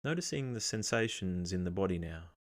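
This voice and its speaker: Here a man leads a guided meditation in a fairly low voice. His gentle, step-by-step instructions come calmly and measuredly, with pauses left between phrases.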